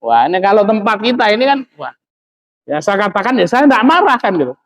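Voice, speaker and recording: A man's voice: high-pitched, very animated, fairly quick, rough recording. A man delivers an Islamic study lecture. He keeps it conversational and loose, tagging his sentences with fillers as he explains. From Lampung, Indonesia. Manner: conversational, with frequent tag fillers. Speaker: Islamic teacher.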